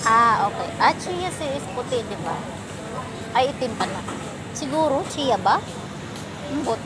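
A woman's voice: fairly high pitch, animated, measured pace. A woman, casually vlogging to her phone camera as she teases a friend and tours the sights. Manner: chatty, teasing, mixes English in. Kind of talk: casual travel vlog. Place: busy indoor mall, then outdoor park. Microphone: phone camera at arm's length. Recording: noisy public space.

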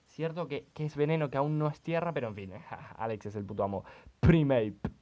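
A young man giving crude, excitable gaming commentary, swearing often. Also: mid-range voice, a little fast, highs cut off. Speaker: let's play host.

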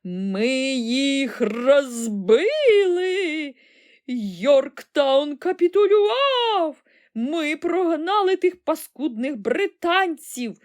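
A woman voicing a grumpy, quarrelsome old grandmother who scolds sharply and bursts into high shouts. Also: big pitch swings, slow, creaky, heavily acted. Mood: frantic shouting.

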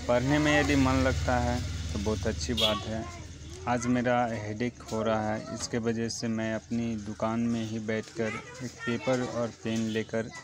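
A man teaching vocabulary, spelling each word out letter by letter and repeating it, recorded on a handheld phone in a roadside shop. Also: on the low side. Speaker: YouTube teacher. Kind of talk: vocabulary lesson. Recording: noisy roadside with traffic. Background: passing motorbikes and a child shouting.

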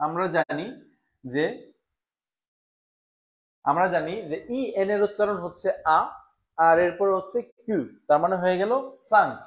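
High-voiced man teaching French pronunciation. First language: Bengali. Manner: slow, syllable-by-syllable pronunciation drills. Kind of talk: live online language class.

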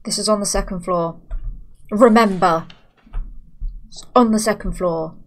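A woman's voice: medium pitch, unhurried. A young British woman commenting on a horror game as she plays, talking to herself and breaking into frightened outbursts. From United Kingdom. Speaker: gaming streamer.

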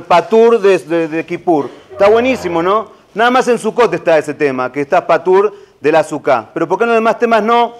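A man, a rabbi giving a casual holiday talk full of jokes. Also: high-pitched. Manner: casual, joking, many fillers.

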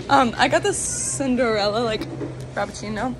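Teen girl vlogger, high bouncy voice, noisy phone audio. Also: very animated, measured pace. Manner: bubbly, giggly, talks to viewers. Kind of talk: casual vlog chat. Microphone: handheld phone camera.

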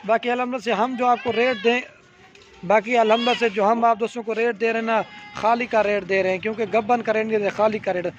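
Speaking with a Pakistani Urdu accent, a goat farm seller shows off his animals in a farmyard next to a garden. His high voice barely changes pitch as he casually pitches the goats, repeating himself and often asking "theek hai." It is slightly muffled phone audio, with faint outdoor ambience and soft background music.

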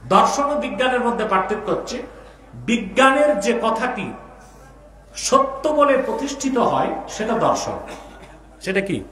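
High-voiced preacher, fervent, chanting bits, massive cathedral-like echo off the hall. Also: male voice, very animated, unhurried, long pauses. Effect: heavy hall echo from loudspeakers. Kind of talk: religious sermon. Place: large building. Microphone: microphone through loudspeakers. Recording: booming echoey hall reverb, PA sound.

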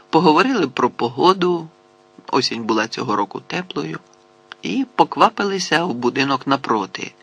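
A man narrating an audiobook in an expressive storytelling manner. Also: medium pitch, slightly rough.

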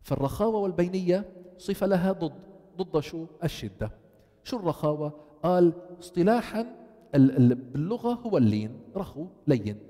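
Teacher, male, mellow and slightly high voice, long hall reverb, quizzes the class as he explains. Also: lively intonation, brisk. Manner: explains, then asks the class questions and answers them. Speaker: tajweed teacher. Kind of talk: classroom lesson, switching between English and Arabic.

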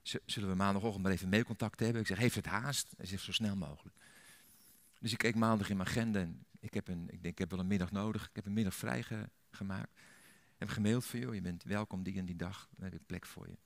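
A man with a Dutch accent preaching in a church, telling a story and rising to loud, emphatic peaks. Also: on the low side, steady tone, fast talker. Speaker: pastor. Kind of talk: sermon.

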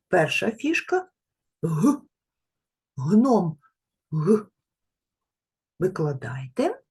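A woman teaching little children to read, her voice breathy and soft-edged. She talks slowly and sweetly, swooping up and down in pitch as she draws out each sound and praises the kids. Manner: slow, sing-song, drawing out speech sounds for children; gentle, praising, uses endearing diminutives. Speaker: preschool teacher. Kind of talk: remote literacy lesson for small children.

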